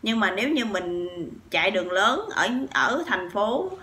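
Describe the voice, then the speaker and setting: A woman with a Southern Vietnamese accent tells a long personal story to her channel. Her voice is bright and forward, and she talks in a chatty, animated way, piling up fillers and turning to her viewers again and again. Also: medium pitch, measured pace. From Sóc Trăng, southern Vietnam. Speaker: vlogger.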